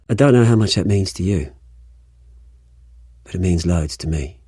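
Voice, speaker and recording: An actor playing a bitter, menacing British crime lord and fallen heir in a video game, theatrical and taunting. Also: male voice, sits low, animated, measured pace, darkish tone, husky, no room sound, studio quality, full character voice. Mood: charming, warning. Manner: theatrical, taunting, swinging between charm and menace. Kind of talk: dramatic video game acting.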